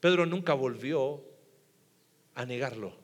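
Taking it slowly in a medium-pitched voice, a pastor delivers a sermon before a congregation in a church hall. He speaks conversationally and puts questions to his listeners, and the room gives a long reverb.

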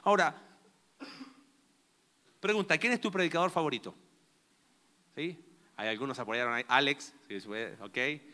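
Bright, high-voiced male preacher. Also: moderate pace, pauses often. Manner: conversational, asks the listeners many rhetorical questions. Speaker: pastor. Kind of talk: sermon.

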